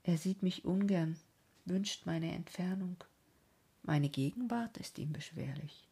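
A woman narrating a classic novel in a slow, earnest way, often sinking into a soft whisper. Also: fairly low pitch, animated, gravelly, breathy edge. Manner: slow, earnest, dramatic phrasing. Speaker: audiobook narrator. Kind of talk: literary reading of a classic novel.

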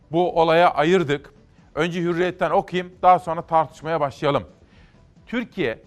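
Higher-voiced man hosting a morning show. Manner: conversational, emphatic storytelling, reads aloud. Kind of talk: newspaper review and commentary.

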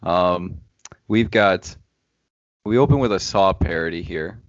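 A man's voice: low-pitched, a little slow, no echo, highs cut off. A man hosting a casual podcast chat, playful and teasing, recorded over a video call. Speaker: podcast host.

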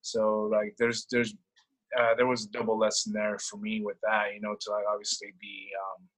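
In casual personal conversation, a young Salvadoran man searches for words and repeats himself. He speaks at a normal speed with a fairly low, slightly bright voice and a completely flat delivery, and the recording quality is rough.

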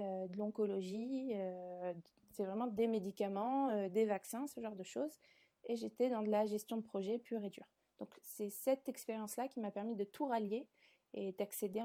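Woman, mid-twenties, from the south of France, mellow warm tone, chatty podcast guest with lots of filler pauses. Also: medium pitch. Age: 20s. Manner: chatty, many filler hesitations. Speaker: guest, content creator. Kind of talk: casual interview answers.

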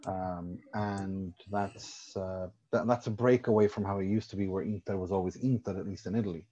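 Low and dark-toned, with fairly even intonation and a moderate pace, the voice belongs to a Swedish football journalist guesting on a casual podcast. He sets out his views at length with firm confidence, and the highs in the recording are cut off.

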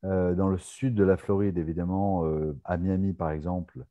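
A man hosting a live online question-and-answer session in a very low, dark voice. He teases the people he calls on and fills his pauses with hesitations. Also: level tone, lo-fi sound. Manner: teasing, hesitant with many fillers. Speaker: webinar host.

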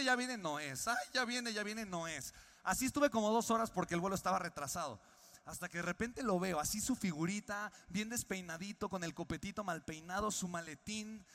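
A young Mexican man with a Mexican Spanish accent, a podcast host telling a personal story and acting out the voices of the people in it. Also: high voice. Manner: animated storyteller, acts out quoted voices. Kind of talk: storytelling monologue. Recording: long reverb on the voice.

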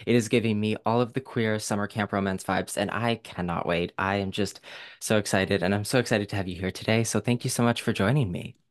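A man's voice: on the low side, fairly quick. A man hosting a book podcast in an enthusiastic, joking, hype-filled way. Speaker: podcast host. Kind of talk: upbeat podcast interview.

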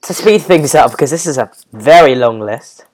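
A podcast host, a man, in a relaxed conversation. He works through a list of names, hesitating, mangling the pronunciations and laughing at his own slips. His voice sits at an ordinary middle pitch. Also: a little hiss or hum. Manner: reads out names haltingly, stumbling over pronunciations and laughing. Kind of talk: casual chat.

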